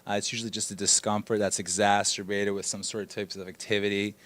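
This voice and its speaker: A man from Russia who works as an orthopedic surgeon, answering interview questions in a measured, explanatory way. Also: on the low side, little pitch movement, fairly bright tone.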